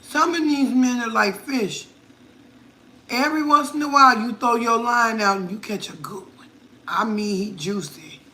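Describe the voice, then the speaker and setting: A woman's voice: on the high side, moderate pace, sharp tone. A middle-aged woman from Connecticut, a cooking vlogger chatting casually and playfully, laughing often. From Connecticut, USA. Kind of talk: casual live chat.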